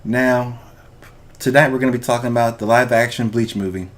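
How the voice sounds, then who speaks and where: A man's voice: medium pitch, fairly even intonation, a little fast. A man hosting a casual podcast, informal and loose with language, speaking straight to his listeners. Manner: informal, profane, addresses listeners directly. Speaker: podcast host.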